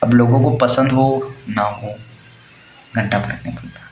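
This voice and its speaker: A man's voice: medium pitch, fairly even intonation, unhurried, a little mellow, lo-fi sound. A young man gives blunt, crude, fired-up life advice in a casual motivational monologue. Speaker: warehouse worker giving life advice. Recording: roomy echo, faint background noise.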